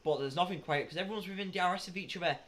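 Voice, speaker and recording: A man with a Northern English accent co-commentating a sim race, chatty and quick to laugh and tease. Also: high-pitched, a crowd in the background. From Northern England. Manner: chatty, laughs often, teasing.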